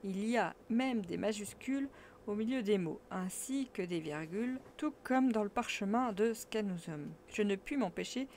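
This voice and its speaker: A woman reading a classic novel aloud as an audiobook, with measured, expressive storytelling. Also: mid-range voice, slight background noise. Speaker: audiobook reader.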